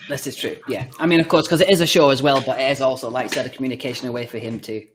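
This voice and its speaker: A man's voice: mid-range voice, fairly even intonation, racing, a little hiss or hum. A man hosting a live stream, easygoing and chatty with lots of fillers. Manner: easygoing, many fillers, laughs often. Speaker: host. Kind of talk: casual live-stream chat.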